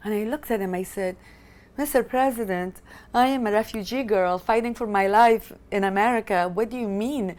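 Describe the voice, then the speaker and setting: Speaking at a normal speed in a medium-pitched, slightly mellow voice, a woman is interviewed about her work as a film director and activist. She is in her fifties, comes from Afghanistan, and speaks Italian as her first language. Her delivery is passionate and emphatic.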